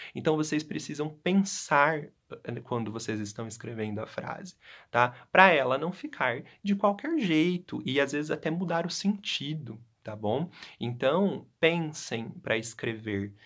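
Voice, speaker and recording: A man's voice: a little high, fairly bright tone. A man teaching a lesson to students, explaining patiently and often checking in with short tag questions. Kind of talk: classroom lesson.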